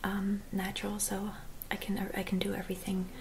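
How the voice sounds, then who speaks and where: A woman in her twenties doing a whispered role-play as a spa attendant, speaking softly and gently in an attentive, whispery voice. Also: mid-range voice, completely flat delivery, normal speed, slight background noise. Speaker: ASMR performer playing a spa clinic receptionist and therapist. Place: small dim room at home.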